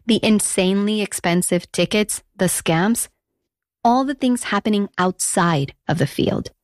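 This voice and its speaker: A woman's voice: lowish voice, no echo, studio quality. A woman hosting and narrating a scripted piece in a conversational way, with personal asides. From United States. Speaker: host and narrator. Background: music bed.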